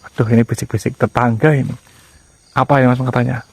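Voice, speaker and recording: A man's voice: medium pitch, little pitch movement, fast talker, darkish tone, breathy edge, no room sound. A man hosting a ghost-hunting vlog outdoors at night, insistently refusing and pressing for answers on camera. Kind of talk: casual on-camera chat.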